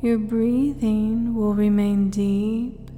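A woman speaking as a hypnotist in a guided hypnosis recording, slow and soothing, slipping often into soft whispers. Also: medium pitch, level tone. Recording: long reverb with faint music behind.

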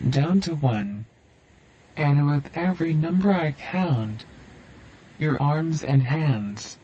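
A man guiding a listener through a hypnosis induction with slow, soothing, repetitive suggestions. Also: fairly high pitch, dark tone, muffled recording, a little hiss or hum.

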